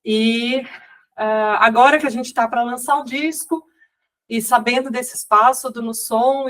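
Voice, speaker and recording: A woman's voice: on the high side, a bit bright. A woman producer introducing a public talk, rambling with many fillers and restarts. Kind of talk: event introduction. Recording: voice heard from a distance.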